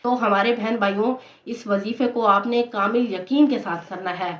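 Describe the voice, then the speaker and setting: A woman's voice: medium pitch, moderate pace. A woman, a religious teacher, giving patient devotional instruction and repeating key points steadily. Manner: steady, patient explaining with frequent repetition. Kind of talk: devotional instruction on prayer recitations. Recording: roomy, dull lo-fi recording.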